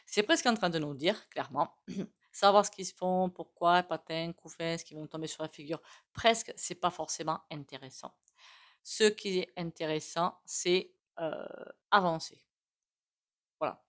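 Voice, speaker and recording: A woman's voice: on the low side, normal speed. A woman doing a casual tarot reading, chatty and full of asides to her viewers. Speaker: tarot reader.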